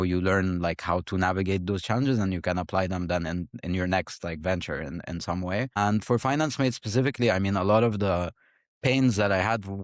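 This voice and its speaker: Man, 30s, from Egypt, very low voice, dry close sound, reflective, thoughtful, restarts often. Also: no echo. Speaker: guest, startup founder. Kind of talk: conversational interview answers.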